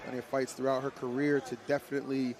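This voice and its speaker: A man's voice: mid-range voice, level tone, fast, a crowd in the background. A man hosting live fight commentary in a casual play-by-play style. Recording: loud music behind the commentary.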